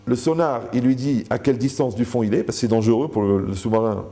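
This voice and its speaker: Joking French-speaking rabbi, mellow voice. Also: male voice, mid-range voice, fast talker. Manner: joking, asks the room questions, acts out quoted people. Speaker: rabbi giving a lecture. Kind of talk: Torah lecture to a live audience.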